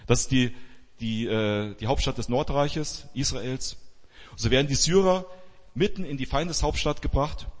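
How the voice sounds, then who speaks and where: Husky-voiced male pastor in reverberant hall. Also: mid-range voice, moderate pace. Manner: lively storytelling, acting out quoted speech. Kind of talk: sermon retelling a Bible story.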